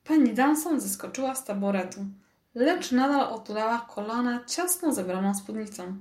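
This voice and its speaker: A woman narrating a children's storybook in a lively, expressive reading, recorded with a roomy echo. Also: on the high side, normal speed. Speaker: audiobook narrator.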